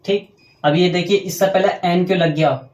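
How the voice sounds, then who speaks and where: A man teaching a grammar lesson, explaining step by step and dictating slowly while he writes on a board, often asking questions and answering them himself. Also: sits high, steady tone, a little mellow, roomy sound. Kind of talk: classroom grammar lecture.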